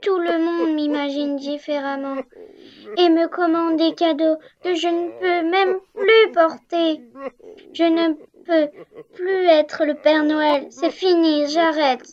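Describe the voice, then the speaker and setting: Woman as tiny storybook Father Christmas: very high, slow, plaintive. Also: fairly even intonation. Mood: tearful. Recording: dull lo-fi recording.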